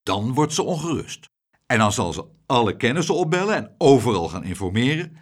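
A man's voice: mid-range voice, big pitch swings, fairly quick. A man doing a whining fretful husband. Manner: whining, self-pitying. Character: timid fretful middle-aged husband.

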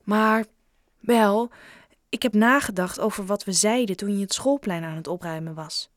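A woman's voice: mid-range voice, moderate pace, no echo, clean studio sound, close to an everyday voice. A woman voicing a timid, lonely schoolboy who speaks hesitantly in a read-aloud story.

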